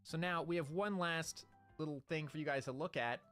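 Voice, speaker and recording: A man's voice: a little high, moderate pace, a bit bright, faint music behind. A man streaming live, chatting in a hyped, playful, rambling way about his model and schedule. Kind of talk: casual live-stream chat.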